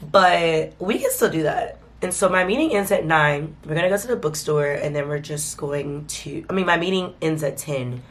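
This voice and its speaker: Speaking at a moderate pace with hardly a pause, this deep-voiced woman hosts a casual vlog, chatting to the camera. A cold has left her sounding congested and stuffy, and she keeps it informal, addressing everyone as "y'all."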